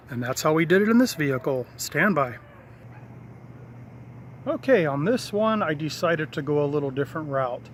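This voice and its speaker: Fairly high in pitch and fairly bright in tone, the voice belongs to a hobbyist giving an unscripted, hands-on tour of his radio installation. He explains things in a casual, matter-of-fact way, and there's a touch of hiss or hum.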